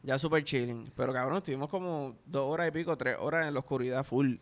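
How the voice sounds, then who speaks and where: A man's voice: medium pitch, fast. A young man with a Puerto Rican accent, telling loose, profane stories in casual podcast chat. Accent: Puerto Rican Spanish. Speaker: podcast host.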